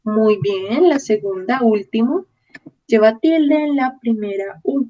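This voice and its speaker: Slow, patient woman teaching Spanish. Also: a little high, highs cut off. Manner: slow, patient, clearly articulating each word. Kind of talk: online language lesson.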